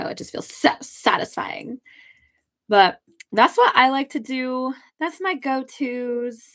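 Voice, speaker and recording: A young webcomic artist livestreams while she draws, chatting casually in a bubbly, giddy way. Her voice is mid-range with a fairly bright tone.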